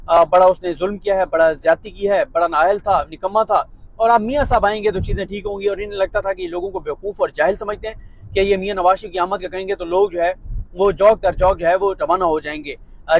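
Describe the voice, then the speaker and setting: A man's voice: high-pitched, poor audio. A man with a Pakistani Urdu accent giving a political commentary monologue in a sarcastic, mocking, emphatic way.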